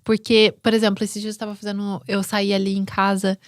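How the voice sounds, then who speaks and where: A woman's voice: medium pitch, level tone, fairly quick, no room sound, studio quality. A Brazilian woman co-hosting a podcast, chatting casually and tagging her points with questions for agreement. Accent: Brazilian Portuguese. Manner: chatty, full of agreeing "né?" tags. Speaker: podcast co-host. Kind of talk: casual chat.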